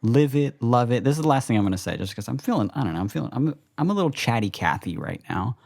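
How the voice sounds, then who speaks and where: A man's voice: mid-range voice, big pitch swings, quick pace, vocal fry, a little mellow, no room sound, clean studio sound. Man, twenties, podcast co-host, casual chat, rambling, profane, self-deprecating. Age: 20s.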